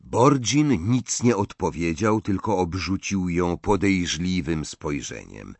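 A male audiobook narrator with a low voice that moves widely in pitch as he tells the story. The recording is dry and close. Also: takes it slowly, dry recording. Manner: expressive storytelling. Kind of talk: scripted narration.

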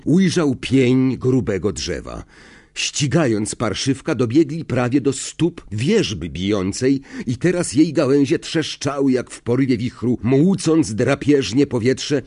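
A man narrating an audiobook in an expressive, suspenseful way. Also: medium pitch.

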